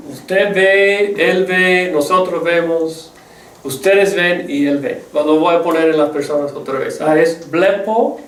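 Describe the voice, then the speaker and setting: Slow, high-voiced man teaching from afar. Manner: patient, drawn-out drilling of word forms with frequent "ah" fillers. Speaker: Greek teacher. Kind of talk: slow spoken language lesson. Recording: echoey room, voice far from mic.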